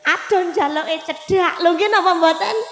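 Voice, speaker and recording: A woman preacher with a Javanese accent, telling a humorous sermon story in a lively way at a live gathering. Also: very high-pitched, moderate pace. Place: large hall at a live religious gathering. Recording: echoey hall with faint music.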